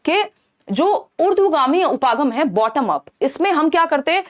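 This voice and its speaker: A young woman with a somewhat high voice teaches an online exam-prep class. She walks through each answer step by step and keeps checking that her students follow. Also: big pitch swings, moderate pace. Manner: explains step by step, often asking "ठीक है ना?".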